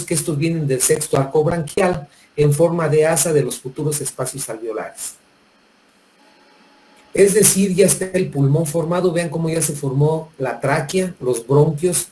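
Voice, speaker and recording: A middle-aged Mexican-accented professor lectures his medical students in a fairly high but mellow voice. He speaks colloquially and turns to the class directly. He often stumbles over words and restarts his sentences, with a faint hiss of noise behind him. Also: rough recording.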